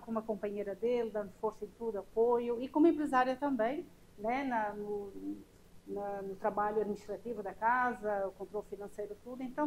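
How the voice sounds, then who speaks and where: A middle-aged woman from Portugal, answering interview questions in a warm, measured way in a small bar. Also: a little high, low-quality recording. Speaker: business co-owner, guest. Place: small restaurant bar, indoors.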